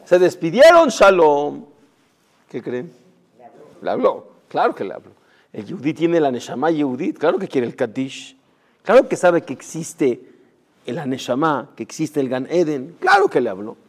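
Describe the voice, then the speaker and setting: A rabbi preaches a storytelling sermon in a high, lively voice. His pitch leaps up and down as he acts out the people in the story. He shifts from loud outbursts to quiet near-murmurs. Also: normal speed. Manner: animated, acts out the characters' lines in the story.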